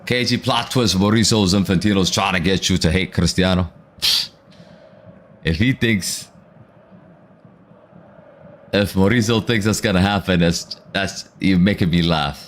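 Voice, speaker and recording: Running a live football watchalong, this man talks to his chat in relaxed slang and stops between reactions to read viewer comments. He speaks with a deep voice at a measured pace, leaving long pauses, and there's a slight hiss or hum on the audio.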